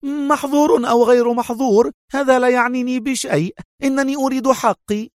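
Male reader doing a high-pitched furious woman, haughty and scolding, storybook reading. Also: fairly even intonation, a little fast, dry recording, clean studio sound. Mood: outraged. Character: indignant American woman feigning outrage.

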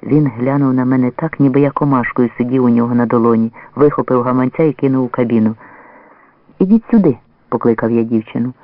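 A man reading a story aloud as a measured, expressive first-person narrator. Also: mid-range voice, no echo. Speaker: audiobook reader. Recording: dry, narrow phone-like lo-fi sound.

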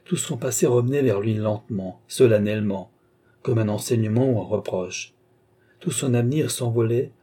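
A man narrating a classic novel as an audiobook in a measured, solemn reading. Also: on the low side, mellow, slightly rough. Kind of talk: scripted literary narration.

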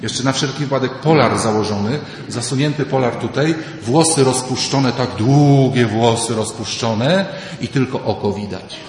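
A man, a priest, giving a lively retreat sermon, often acting out the people he quotes. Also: medium pitch, moderate pace. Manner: animated, mimics voices in quoted dialogue. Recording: echoey hall, faint ambience.

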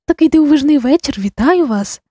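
A woman's voice: high-pitched, animated, fairly quick, warm tone, dry recording, studio quality. A woman reading as a chatty, effusive middle-aged bishop's wife at a costume ball. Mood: gushing. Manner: effusive, sociable.

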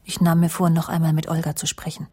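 In a German radio crime drama, an actress with a smoky, deep voice plays the lead and narrator: a proud, sharp-tongued TV presenter telling her story in intimate first person and dialogue. Her delivery is fast, monotone, dry, sardonic and self-assured, close to an everyday voice, over loud music, with a troubled, reflective mood.

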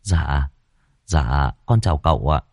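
A man's voice: very deep voice, animated, a little slow, gravelly, darkish tone, dry recording, clean studio sound, voice pushed down, full character voice. A man doing a stammering, timid young servant. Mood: humble. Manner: stammering, humble, pleading.

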